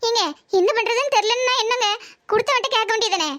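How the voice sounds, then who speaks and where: In this comedy cartoon, a woman plays a shrill, wailing middle-aged mother and wife who scolds in anguish, speaking with a Tirunelveli Tamil accent. She talks fast, and her voice is a bit bright.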